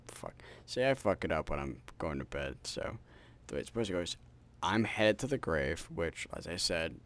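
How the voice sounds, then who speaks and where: A tired male gaming host with an extremely low voice and a gravelly crackle of vocal fry. He rambles on casually to his viewers, swearing freely as he signs off. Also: fairly bright tone. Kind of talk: rambling outro chat to viewers.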